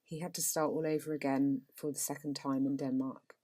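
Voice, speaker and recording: Speaking fairly quickly in a bass voice, this woman hosts a podcast with a Received Pronunciation English accent. She talks casually and reads aloud in a flat, even manner, often saying um.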